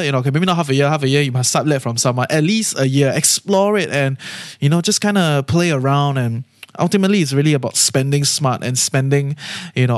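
A man's voice: fairly high pitch, no room sound, clean studio sound. A man with a Singaporean accent hosting a podcast solo, giving casual advice in colloquial Singlish with particles like lah and frequent check-in tags. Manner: conversational, often checking in with "right?" and "you know". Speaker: podcast host.

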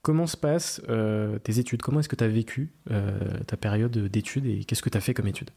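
A man hosting a podcast, asking casual interview questions with filler pauses. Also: fairly low pitch, vocal fry, warm tone. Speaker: podcast host.

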